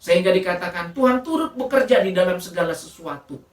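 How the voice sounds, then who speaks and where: A woman preacher giving a sermon, telling a story in an animated way and often addressing the congregation directly. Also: fairly low pitch, fast talker, roomy sound, recorded from a distance. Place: church.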